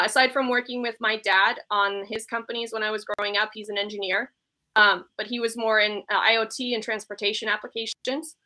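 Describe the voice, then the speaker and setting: A woman's voice: fairly high pitch, sharp tone, low-quality recording. A woman in her thirties from Iceland, chatting casually as a podcast guest in a chatty, self-deprecating way. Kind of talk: casual interview chat.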